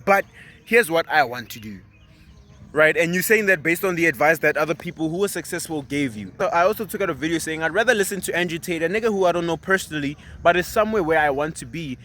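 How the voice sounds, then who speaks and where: A South African man in his 20s, his voice on the high side, vlogs in casual motivational chat. He sounds animated, emphatic and persuasive.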